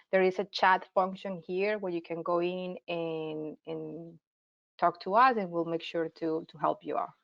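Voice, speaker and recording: A woman with a Medellín, Colombian accent hosts a live online marketing workshop, explaining things in a friendly way with frequent fillers and restarts. Her voice is medium-pitched, and the sound is lo-fi.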